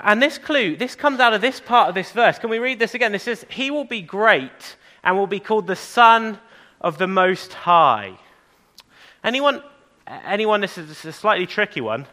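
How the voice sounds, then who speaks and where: A man gives an interactive sermon for children. His voice sits high for a male speaker and has a bright, forward edge. He addresses the children directly, encouraging them and putting questions to them. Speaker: preacher leading a children's talk in church.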